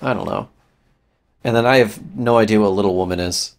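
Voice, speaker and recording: A man co-hosting a casual podcast, excitable and swearing, often trailing off mid-sentence. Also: lowish voice, brisk. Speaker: podcast co-host. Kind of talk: casual chat.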